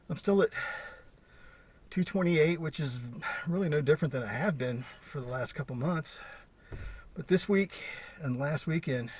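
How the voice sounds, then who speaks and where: A man talks into a camera while hiking a mountain trail, out of breath and chatty, with frequent fillers. His voice sits a little high. The outdoor recording sounds dull and lo-fi. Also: darkish tone, breathy edge. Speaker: hiker vlogger. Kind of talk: casual vlog while hiking. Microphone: handheld camera.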